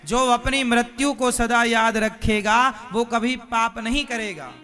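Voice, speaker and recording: A man's voice: extremely high pitch, steady tone, slow pace, pushed and bright, soft background music. A man giving a devotional sermon, telling a story and acting out its characters while asking the audience questions. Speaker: preacher.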